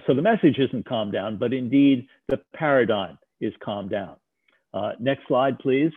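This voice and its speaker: A man's voice: lowish voice, dry recording. A man giving a slide lecture on risk communication, talking in a discursive way with frequent fillers and restarts. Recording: tinny phone-like line, dry sound.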